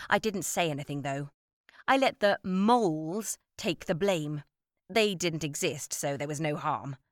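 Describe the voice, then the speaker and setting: A woman reads a children's story aloud with lively, animated expression. Her pitch moves a lot between lines. The sound is dry and close to the mic. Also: no echo. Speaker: narrator. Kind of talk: storybook reading.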